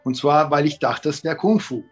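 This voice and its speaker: Rambling middle-aged man, fairly high voice. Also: animated, moderate pace, slightly rough, soft background music. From Italy and Germany. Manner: rambling, many fillers and restarts. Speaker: kung fu teacher, guest. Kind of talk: casual interview talk.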